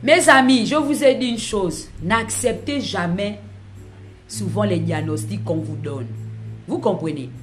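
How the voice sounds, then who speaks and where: A woman's voice: mid-range voice, expressive, a little slow, soft background music. A woman, a prophetess giving an emphatic religious testimony, retelling events with much repetition and speaking directly to her listeners. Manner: emphatic, repetitive storytelling addressing the audience.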